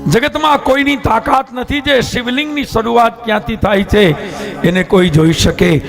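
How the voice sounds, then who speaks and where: Brief: man doing a humble flower spirit, high gravelly voice, pleading tone. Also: normal speed, music in the background. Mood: awed pleading. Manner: pleading, reverent. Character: humble talking ketaki flower, male, awed, endlessly falling.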